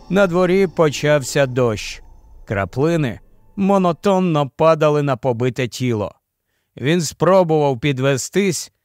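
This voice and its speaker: A man's voice: a little high, dry recording. Dry, close male audiobook narrator.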